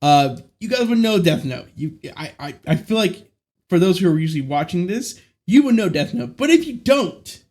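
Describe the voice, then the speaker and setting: A man's voice: high-pitched, very animated, moderate pace, a little mellow. A man hosting a casual podcast, hyped and cursing, often stumbling over his words. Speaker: podcast host.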